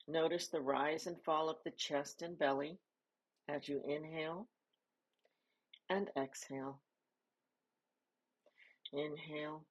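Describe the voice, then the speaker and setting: A woman leading a guided body scan meditation, giving soft, calm instructions with pauses between phrases. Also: low voice, poor audio.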